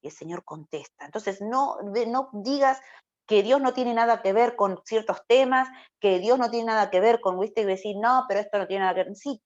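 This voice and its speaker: Woman preacher, Rioplatense accent, chatty animated sermon style, muffled low-fi sound. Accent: Rioplatense Spanish. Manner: lively, acts out quoted voices, asks rhetorical questions. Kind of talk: conversational sermon. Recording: dull lo-fi recording.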